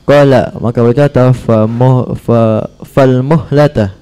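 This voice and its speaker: Mellow-voiced man reading a religious text. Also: medium pitch, fairly even intonation, clean tone, poor audio. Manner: slow halting reading with restarts. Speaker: text reader.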